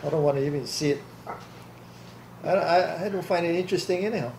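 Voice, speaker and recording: Speaking fast in a creaky, darkish, fairly high voice, this older man from Hawaii responds to questions in an oral history interview. His manner is plainspoken and blunt, with easy laughter, captured in an echoey room with faint hiss.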